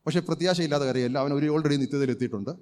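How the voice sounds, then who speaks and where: A man preaching at a rapid clip, his voice pitched a little high and ringing out with a long reverb through a church hall. He is a pastor delivering an emphatic sermon, asking rhetorical questions and breaking into loud shouts of praise.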